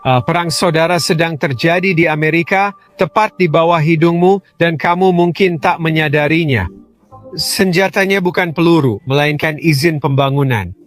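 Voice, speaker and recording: A man reading a measured, explanatory scripted narration. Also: on the high side, faint music behind. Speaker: voice-over narrator.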